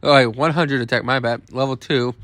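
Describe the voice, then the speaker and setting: A man's voice: medium pitch, fairly even intonation, brisk, fairly bright tone, no room sound, clean studio sound. A young man casually reviewing game cards, thinking aloud with frequent restarts and the odd swear word. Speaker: card game video host. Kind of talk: casual card review commentary.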